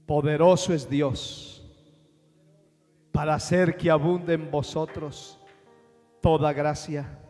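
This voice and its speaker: A man with a Colombian accent, preaching a sermon with impassioned swings between slow, quiet lines and loud bursts. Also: on the high side, fairly even intonation. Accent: Colombian Spanish. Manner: impassioned preaching, dramatic slowdowns, sudden rises in volume. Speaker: pastor. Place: large church sanctuary. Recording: long hall reverb with faint music.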